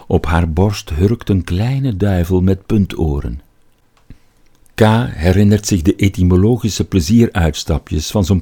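A man with a Flemish accent reading a literary story as narrator, in a measured, unhurried manner. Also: low-pitched, mellow, slightly rough.

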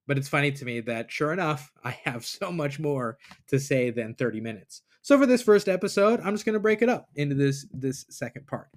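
A man's voice: mid-range voice, animated, brisk, few pauses. A man hosting a podcast, thinking aloud in a casual, reflective monologue and retelling scripture in everyday words, recorded on a computer mic. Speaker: podcast host. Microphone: computer mic, recording in a browser app.

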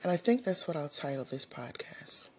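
A middle-aged woman hosting her own podcast, talking to listeners in an earnest, unhurried motivational monologue with soft laughs and breathy asides. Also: sits low, big pitch swings, whispered. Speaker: podcast host.

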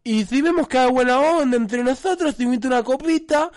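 A crude, mocking Argentine man cuts in with insults during a comedy podcast sketch. His voice is extremely high for a man. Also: fairly quick, a little mellow. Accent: Argentine Spanish.

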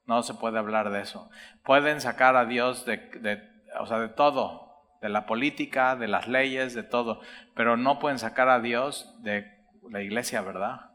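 A man's voice: mid-range voice, measured pace, pushed and bright. Guy preaching, reads verses then talks right at you, big echoey hall. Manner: reads scripture aloud then explains, addresses listener directly. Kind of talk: sermon. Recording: long hall reverb.

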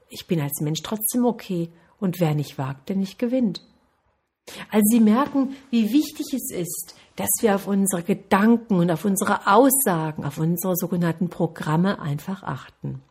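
Woman, success coach; warm, slightly husky voice, earnest and encouraging. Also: fairly low pitch. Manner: earnest, encouraging, speaks directly to listeners. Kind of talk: motivational talk.

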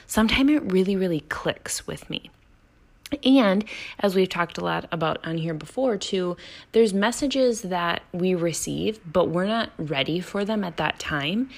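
Low-pitched woman hosting a chatty podcast. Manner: chatty, earnest, addresses listeners directly. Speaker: podcast host. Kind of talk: podcast intro and interviewing, casual direct address.

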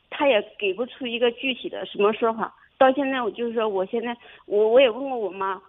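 A young woman calling in to a radio advice show, telling her story haltingly with many restarts. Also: medium pitch. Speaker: caller. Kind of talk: phone-in advice call. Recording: tinny phone line.

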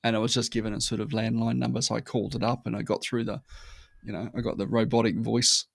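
Speaking quickly in a creaky, fairly low voice with flat delivery, a man guests on a podcast in a casual conversational interview. He's emphatic and keeps checking in with a brief "right?" after points. The recording is studio quality with no room sound.

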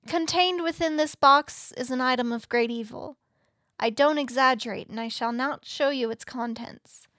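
A man's voice: very high-pitched, pushed and bright, no room sound, studio quality, voice pushed up. A man voicing a frail, dying fay queen, in a weak, solemn and formal voice. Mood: grave. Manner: solemn, slow, formal speech. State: weak and faint. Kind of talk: audiobook character voice.

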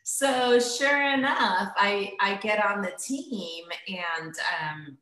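Laughing animated woman in an echoey room. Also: medium pitch, slow pace. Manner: animated, laughs often, acts out quotes. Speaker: guest. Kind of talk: casual storytelling interview.

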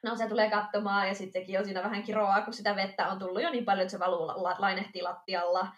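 A woman chatting on a podcast, spinning a lively story and acting out what people said. Her voice sits at a middle pitch, and there is a roomy echo around her. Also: lo-fi sound. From Finland. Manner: lively storytelling, acts out dialogue with laughs. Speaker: podcast co-host. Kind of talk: casual chat. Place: lives in Amsterdam.

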